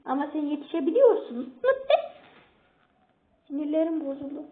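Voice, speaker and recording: A woman giving casual, excitable commentary while playing a game and talking back to opponents on screen. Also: high voice, measured pace, slight background noise. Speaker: gameplay streamer. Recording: tinny phone-like audio.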